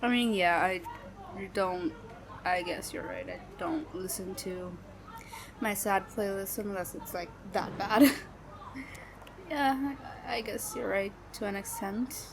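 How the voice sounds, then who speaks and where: In an audio roleplay, a female voice actor plays a sad, resigned young woman who masks her hurt with slow, halting speech that trails off, broken by nervous little laughs. Her voice is medium-pitched, with faint background noise underneath.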